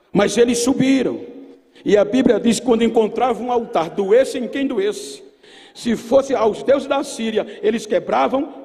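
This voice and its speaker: A Brazilian pastor with a high, gravelly, somewhat dark voice preaches a Pentecostal sermon to a large congregation at a youth Bible seminar. His delivery is emphatic and oratorical, full of storytelling. He speaks into a podium-mounted microphone in a big church auditorium, and the PA system leaves a long hall reverb.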